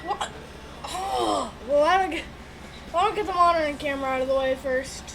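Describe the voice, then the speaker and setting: A woman's voice: sits high, fairly quick, gravelly, a bit bright, slight background noise, low-quality recording. A young woman hosting a let's play, chatting casually and getting sidetracked while she has the hiccups. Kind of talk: casual gameplay chat.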